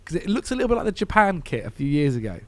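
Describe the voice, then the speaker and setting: A man, a guest on a football podcast, talking in a relaxed way with frequent ums. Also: on the high side, very fast, dry recording. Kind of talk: casual football podcast chat.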